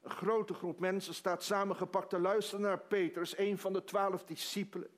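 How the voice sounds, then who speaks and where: A man's voice: sits high, level tone, moderate pace. A man preaching a sermon, retelling a story dramatically with quoted dialogue.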